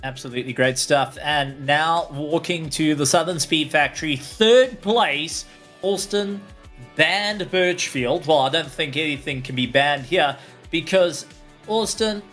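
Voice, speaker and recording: A man interviewing drivers on a sim racing broadcast, asking questions in an upbeat, lively manner. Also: fairly high pitch.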